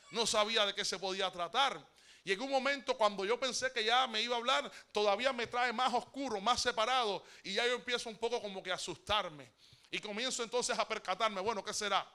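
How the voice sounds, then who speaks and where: A man from Cuba with a Cuban Spanish accent, a guest pastor preaching a sermon. He tells the story in an animated way, repeats words and calls his listeners brother. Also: high-pitched.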